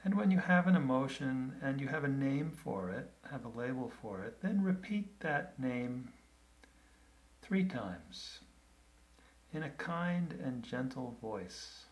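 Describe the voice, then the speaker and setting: Man, meditation guide, soft and gentle delivery, very slow pace, long pauses, mid-range voice. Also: mid-range voice, animated.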